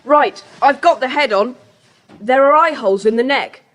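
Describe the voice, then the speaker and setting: On a faintly hissy cassette tape, a woman with a high-pitched, slightly bright voice plays an eager, bossy schoolboy in a children's audio drama. She sounds urgent, brisk and take-charge.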